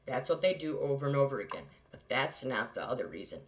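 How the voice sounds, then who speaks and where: A man's voice: medium pitch, big pitch swings, fast talker. A man hosting his own video, reading articles aloud and reacting in an agitated, scornful, repetitive way. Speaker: conspiracy video host.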